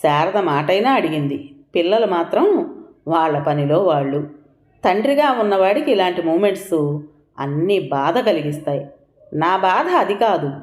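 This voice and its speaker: A woman with a lowish voice reads a first-person story aloud, reflective and measured, her pitch moving widely across phrases. The recording has a roomy, echoey sound. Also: lively intonation, a little mellow. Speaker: audio story narrator. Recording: echoey room.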